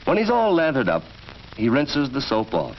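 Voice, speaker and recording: At normal speed and with a mid-range voice full of huge pitch swings, an American man narrates a scripted 1940s educational film in a teaching, storytelling manner. The recording is a dull vintage film track with slight background noise.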